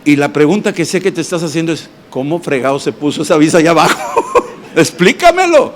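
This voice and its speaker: A man, a pastor, preaching a sermon and telling personal testimonies in an animated way with acted voices and sound effects. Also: a little high, a little fast, a little hiss or hum. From Mexico. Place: church congress hall.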